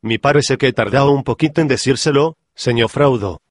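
A man's voice: mid-range voice, brisk, no echo, clean studio sound, close to an everyday voice. A man voicing a loyal, nervous male hobbit servant in an audiobook parody, with garbled rustic speech. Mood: bumbling.

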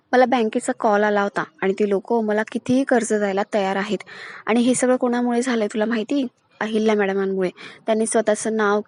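A woman's voice: mid-range voice, a little mellow, natural voice. A woman reading the lines of an earnest young businesswoman while retelling a TV serial. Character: proud young businesswoman, now humbled.

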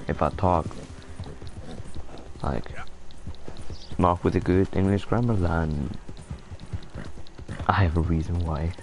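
A man's voice: low voice, takes it slowly, pauses often, over music. A young man from Iceland, an English speaker, rambling through casual commentary while playing a game. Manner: rambling, filler-heavy chat. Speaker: gaming YouTuber.

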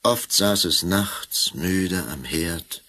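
Deep-voiced man telling a fairy tale warmly. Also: extremely slow. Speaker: narrator. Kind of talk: fairy tale narration for an audio drama.

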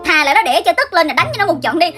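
A young woman, telling a story to her viewers in a lively way and laughing often. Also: very high voice, racing, faint music behind. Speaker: vlogger.

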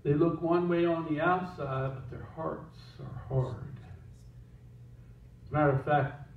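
A man's voice: fairly high pitch, fairly even intonation, unhurried, gravelly, distant mic. A man preaching a sermon in a church in a casual, joking way, with asides to the person running the slides. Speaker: pastor. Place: church sanctuary. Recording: echoey church heard from afar, dull.

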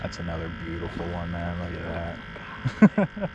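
Out on open shallow flats in a small boat, a man guiding a fishing trip records himself with a head-mounted action camera. He laughs a lot and narrates catches with excitement in casual on-camera commentary. His voice is low at normal speed, and the recording is muffled, with wind and water noise outdoors.

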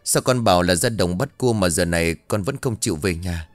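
A man's voice: low-pitched, fairly quick, dry recording, close to an everyday voice. A man voicing a grieving, frightened old village mother who speaks in trembling, wailing pleas, raised above his own voice.

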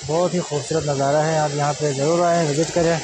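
A man's voice: on the high side, little pitch movement, fast talker, noisy background. A young man from Pakistan chatting casually to viewers as a travel vlogger, filming outdoors by a mountain waterfall on a phone held at arm's length. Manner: chatty, touristy, addressing viewers directly. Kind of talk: casual travel vlog narration.

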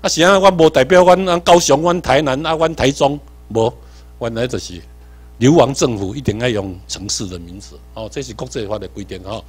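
A man from Tainan with a Taiwanese accent, giving an animated workshop lecture, quizzing the audience and swinging between emphatic and muttered asides. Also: medium pitch, a little fast, slightly rough. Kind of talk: seminar lecture mixing Hokkien and English terms.

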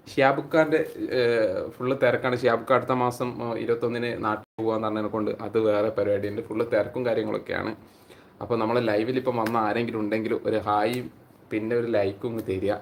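Chatty man hosting a phone live stream. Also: lowish voice. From Kerala, India. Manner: chatty, greets viewers by name and reads their comments aloud. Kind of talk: casual live-stream chat.

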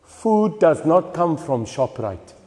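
A man with a South African accent giving an impassioned political rally speech, swinging between loud declarations and hushed lines. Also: a little high, big pitch swings, slow pace. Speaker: political party speaker. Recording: long hall reverb.

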